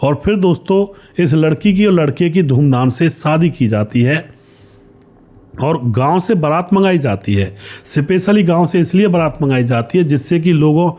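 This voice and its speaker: A man telling a story in a relaxed, chatty way, talking to his listeners as friends. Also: on the high side, moderate pace. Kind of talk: casual spoken storytelling.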